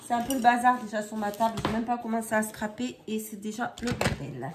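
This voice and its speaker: A woman's voice: a little high, a little fast, heavy background noise. A woman chatting casually as she demonstrates scrapbooking at her craft table at home, improvising and often hesitating. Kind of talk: casual craft tutorial chat.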